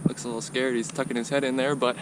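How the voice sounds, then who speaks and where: A man's voice: mid-range voice, little pitch movement, quick pace. A man talking casually to a camera while running, with effort in his speech, recorded outdoors. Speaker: vlogger. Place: outdoors on paths and roads. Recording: noisy outdoor wind and ambience.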